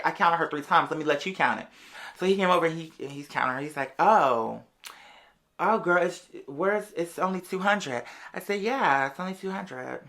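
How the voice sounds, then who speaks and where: A bright, sassy storyteller goes full gossip mode as a podcast or live show host, speaking to the audience in a medium-pitched voice. She's animated and slangy, calling her listeners "girl" throughout the casual monologue.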